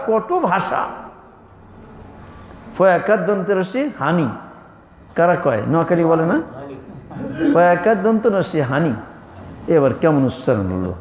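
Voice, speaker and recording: Man, preacher, high voice, animated sermon, rhetorical questions, echoey hall. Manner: animated, rhetorical questions, mimics regional dialects. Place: mosque or religious lodge hall. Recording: echoey hall with faint noise.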